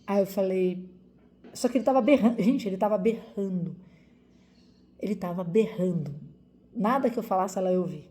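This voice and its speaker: A woman's voice: medium pitch, moderate pace, pauses often, warm tone. A woman from Brazil in her forties, a doctor, telling viewers a personal story in an emotional, vivid way with lots of repetition.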